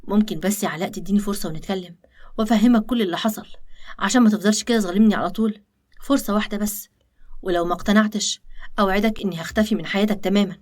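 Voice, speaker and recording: A woman with an Egyptian accent voicing a scheming young woman who pleads insistently with the man she loves, in an animated story. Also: medium pitch, racing, natural voice. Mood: pleading. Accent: Egyptian Arabic.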